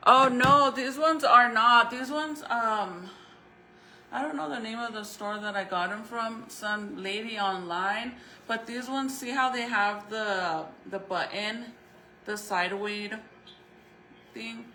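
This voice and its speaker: A woman's voice: fairly high pitch, slow, bright, forceful tone, soft background music, low-quality recording. A woman chatting casually and informally to viewers as a vlogger, thinking aloud in a rambling way, her speech slightly impeded by a retainer in her mouth. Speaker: vlogger showing crafts and baking.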